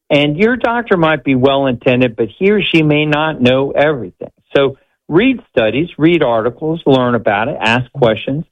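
Male doctor explaining, slightly dull audio. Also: medium pitch. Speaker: doctor, expert radio guest. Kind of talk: conversational medical explanation.

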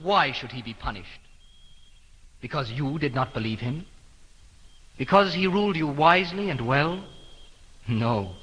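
A man's voice: medium pitch, expressive, unhurried, pauses often, bright, forceful tone. A young male actor playing a defiant, noble young king, commanding and declamatory in a theatrical period drama. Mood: regal, firm. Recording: reverberant hall with faint noise.

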